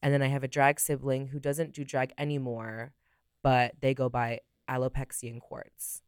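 A young drag performer chatting as a podcast guest, telling stories with lots of fillers and acted-out quotes, recorded on a studio mic. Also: female voice, rumbling low, level tone, normal speed, smooth, no room sound. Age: young adult. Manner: chatty storyteller, many fillers, acts out quotes. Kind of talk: casual podcast chat.

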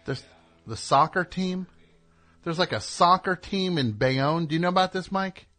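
A man hosting a live radio show, rambling in casual chat with sudden loud yelled bursts. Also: high-pitched, normal speed.

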